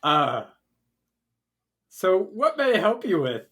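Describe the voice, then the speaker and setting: A man's voice: very animated, slow, a bit bright, full character voice. A man voicing an eccentric, self-important king in a badger mask during a tabletop role-play game, grandiose and baffled by turns. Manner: grandiose, booming, then baffled.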